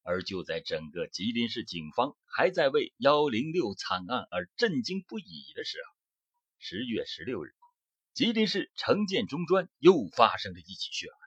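A man reading a scripted true-crime account in a measured storytelling cadence that rises for emphasis. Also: medium pitch, very animated, husky, no echo. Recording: dull close-miked dry audio.

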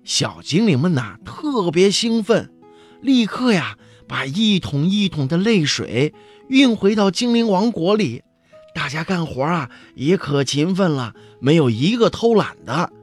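A man reading a children's picture book aloud, expressive and full of exclamations. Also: sits high, unhurried, soft background music. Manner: animated, expressive storytelling with exclamations. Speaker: children's storyteller.

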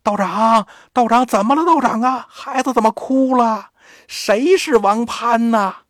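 A man's voice: very high voice, a little slow, fairly bright tone, no room sound, clean studio sound, pitched above the performer's own voice. A man doing a worried old man. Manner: anxious, questioning. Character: worried old man calling through a door.

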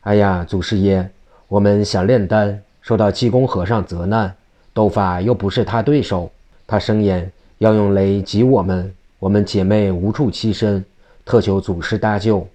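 Young female demon spirits beg their master for rescue, voiced by a male storyteller. The voice stays low and dark while it pleads. They are small demons from a traditional tale. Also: steady tone, moderate pace, natural voice. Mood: pleading. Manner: pleading, begging.

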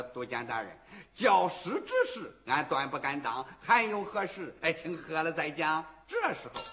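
A man chants a traditional story in rhythmic verse and slips in and out of character voices. His voice sits high and rings bright and forceful. A faint hiss of noise runs underneath. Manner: switches between narrator and character voices. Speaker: Shandong kuaishu storyteller.

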